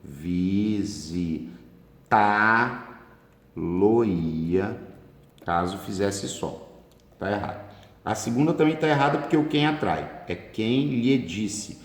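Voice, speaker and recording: A man's voice: mid-range voice, expressive, normal speed, a little mellow. A man with a Brazilian Portuguese accent teaching a grammar lesson for exam prep, stretching words for emphasis. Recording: roomy echo with long reverb.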